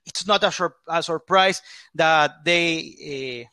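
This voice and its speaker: A man from Ecuador, a football pundit in an interview, halting as he searches for English words. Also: a little high, pushed and bright, clear, resonant tone, dry recording.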